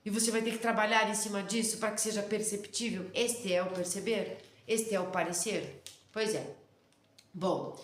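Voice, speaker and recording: A woman with a Rio Grande do Sul interior accent giving a casual religious lesson, talking fast, loud and intensely. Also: mid-range voice. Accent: Rio Grande do Sul interior Brazilian Portuguese. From interior of Rio Grande do Sul, Brazil. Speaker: Torah teacher. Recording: roomy echo.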